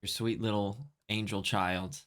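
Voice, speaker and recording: A man's voice: lowish voice, fairly even intonation, a little slow, a bit bright. Chatty laughing male podcast co-host. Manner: chatty, laughs often, trails off and restarts. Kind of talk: casual chat. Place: living in Korea.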